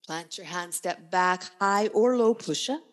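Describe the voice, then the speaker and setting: A woman with a low voice leads a yoga class as the instructor. She gives calm, unhurried cues in short phrases at a very slow pace, and the sound carries a long reverb. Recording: long reverberant room echo.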